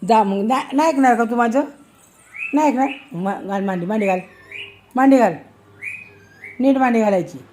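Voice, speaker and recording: High-voiced mother. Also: moderate pace, long pauses, darkish tone, a little hiss or hum. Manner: coaxing, repetitive commands. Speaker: mother talking to her small daughter. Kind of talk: casual home talk to a toddler.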